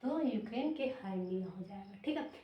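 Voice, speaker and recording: A woman's voice: mid-range voice, lively intonation, moderate pace, muffled recording. A woman teaching memory tricks in Hindi with a Bihari accent, repeating each word over and over as a drill. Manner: repetitive, chanting drills. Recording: roomy, from a distance.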